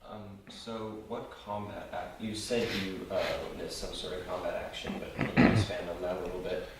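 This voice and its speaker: A man's voice: low voice, steady tone, normal speed. A man asking questions as an interviewer, in a conversational style. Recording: distant, very echoey, loud noise.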